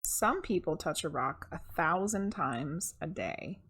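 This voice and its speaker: This middle-aged woman reads a kids' picture book at a slow pace in a deep, slightly husky voice. She stays expressive and conversational, breaking off now and then for casual remarks to viewers.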